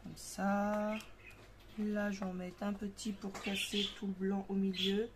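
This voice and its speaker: A woman's voice: medium pitch, little pitch movement, a little slow. Brief: woman, craft tutorial host, chatty and hesitant, home recording with noticeable noise and parakeets chirping. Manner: chatty, thinks aloud with many fillers. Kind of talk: casual craft demonstration. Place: home craft table with parakeets and kids nearby.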